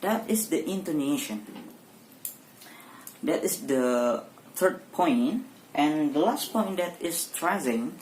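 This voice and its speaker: A young woman from Indonesia with an Indonesian accent, giving a university exam presentation in a hesitant, halting way with many fillers and restarts. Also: low voice, expressive, darkish tone. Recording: echoey room with faint background noise.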